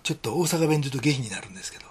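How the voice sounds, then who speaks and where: Very husky man preaching in Kansai dialect. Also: medium pitch, animated, very fast. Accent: Kansai Japanese. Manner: earnest, conversational preaching with many whispered phrases. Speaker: pastor. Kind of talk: sermon.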